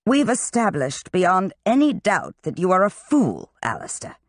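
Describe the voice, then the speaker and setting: An audiobook narrator voicing a stern, sardonic male wizard master who walks with canes, raising the pitch for his lines. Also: huge pitch swings, measured pace, no echo, clean studio sound, exaggerated voice. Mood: scolding. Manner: cutting, scolding.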